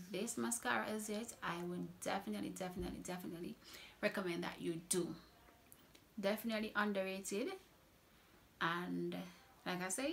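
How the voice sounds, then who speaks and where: A young Trinidadian makeup artist reviews her products in a casual vlog, speaking slowly in a mid-range voice with a gravelly fry. She's enthusiastic and stacks up repeated words to stress how much she loves something. A faint hiss of background noise runs underneath.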